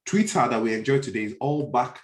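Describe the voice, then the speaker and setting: A man with a Nigerian accent, medium-pitched and expressive, talks a little fast as a panelist in a conversational political podcast discussion. He argues emphatically, repeating phrases as he reasons, over a roomy, echoey online call.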